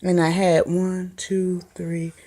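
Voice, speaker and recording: Holding her phone, a woman who vlogs about gardening chats her way around her tiny homemade indoor greenhouse, meandering and saying um often. She speaks slowly in a lowish, mellow voice with a flat delivery.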